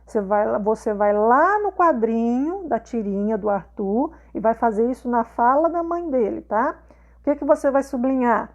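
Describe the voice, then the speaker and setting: A woman's voice: a little high, expressive, normal speed, highs cut off. A Brazilian woman teacher walking students through a worksheet in a video lesson, patient and repeating her questions with frequent checks for understanding. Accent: Brazilian Portuguese, not southern.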